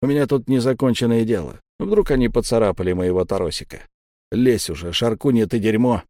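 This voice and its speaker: A man voicing a gruff cursing warrior. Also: mid-range voice, fairly quick, dark tone, no room sound, clean studio sound, natural voice. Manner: barking, rude commands. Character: gruff coarse male warrior, blunt and mocking.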